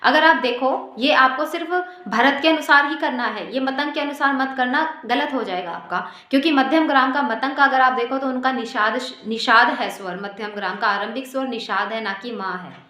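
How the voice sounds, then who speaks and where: A woman's voice: sits high, moderate pace, hardly any pauses, bright, forceful tone, roomy sound. A woman music teacher explaining exam material step by step, reciting note names in sequence. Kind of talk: exam-prep music lesson.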